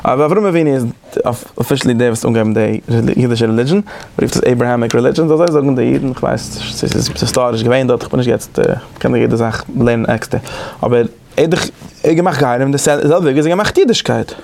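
A man with a gravelly, medium-pitched voice guides a discussion during an informal study-group lecture. His delivery stumbles, with frequent restarts and repeated words, but turns animated and forceful.

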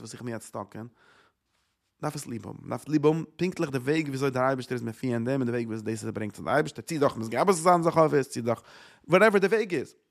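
A man's voice: a little high, gravelly. A man teaching a Torah lecture, repeating phrases and asking rhetorical questions. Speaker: religious teacher.

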